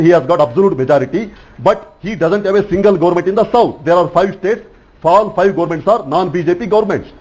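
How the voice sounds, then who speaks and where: A man's voice: sits high, a little mellow, husky, rough recording. A man from South India, a journalist, arguing insistently on a TV news debate and tagging his points with "okay?". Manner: insistent, argumentative, keeps adding "okay?". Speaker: journalist panelist.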